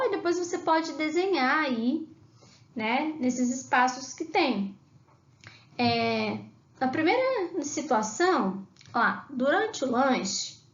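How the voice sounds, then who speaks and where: A woman teacher with a Brazilian Portuguese accent, explaining a remote lesson to young children and patiently sounding out syllables. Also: high-pitched. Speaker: primary school teacher. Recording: echoey room, dull lo-fi sound.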